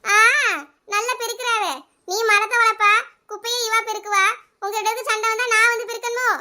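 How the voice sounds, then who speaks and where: A nosy older neighbour, voiced by a woman pokes into the quarrel with teasing questions in Kanyakumari Tamil. Her voice is very high and piercingly bright. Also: level tone, fairly quick, heavily acted. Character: nosy elder-sister neighbour woman, meddling.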